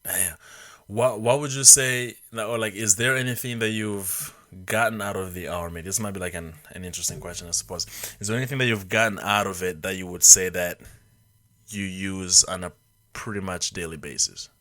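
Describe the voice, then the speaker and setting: A man in his twenties hosts a podcast in loose, joking conversation. He rambles and circles back on his own questions. His voice is low-pitched with a bright, forceful tone. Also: moderate pace. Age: 20s. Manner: rambling, hesitant, many fillers and restarts, joking. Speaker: podcast host. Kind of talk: casual chat.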